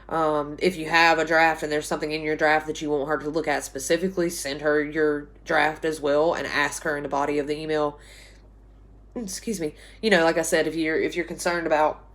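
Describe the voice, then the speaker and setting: A college writing instructor in her twenties records a casual class announcement on her phone from a small bedroom, holding the camera at arm's length. Her low voice is slightly hoarse from a sore throat, and she rambles chattily with many ums and restarts.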